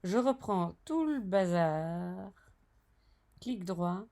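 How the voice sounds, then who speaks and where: A woman tutoring design software over a screen recording, chatty and narrating each step with self-correcting asides. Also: fairly low pitch, animated, very slow.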